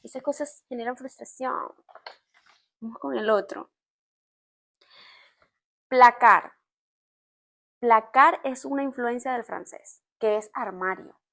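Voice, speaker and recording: A woman from Venezuela with a Venezuelan accent, chatting to camera in an expressive, explaining way, with laughs. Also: on the high side, slow, pauses often. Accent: Venezuelan Spanish. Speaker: vlogger. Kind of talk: casual storytime chat to camera.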